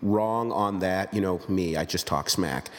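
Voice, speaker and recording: Man, low voice, casual podcast host, rambling and jokey, long reverb around him. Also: measured pace. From United States. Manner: joking, rambling, self-deprecating.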